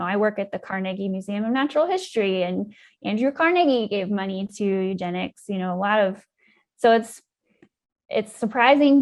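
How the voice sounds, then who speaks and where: A woman talks as an interview guest, telling her story with plenty of ums and you-knows. Her voice sits at an ordinary middle pitch and picks up energy at the key moments. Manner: thoughtful, many ums and you-knows, animated when recounting. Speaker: guest scientist.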